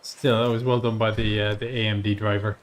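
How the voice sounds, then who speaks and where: This is the host of a video game stream, a man with a fairly low, brisk voice and little pitch movement, giving casual live commentary as he plays. His tone is dry and wry, as if half talking to himself. Tank engine and battle sounds from the game come through clearly behind him.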